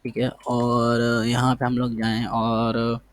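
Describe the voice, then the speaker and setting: A man's voice: mid-range voice, monotone, takes it slowly. A man teaching a casual coding lesson over his screen, thinking aloud as he types and repeating words while he checks the result. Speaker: coding tutor.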